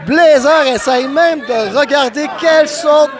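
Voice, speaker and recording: Male wrestling commentator, very high voice, unhurried pacing, excitable exclamations, live play-by-play, crowd noise behind. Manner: excited, exclamatory, often shouting. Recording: noisy crowded venue, loud crowd behind. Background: crowd and event noise.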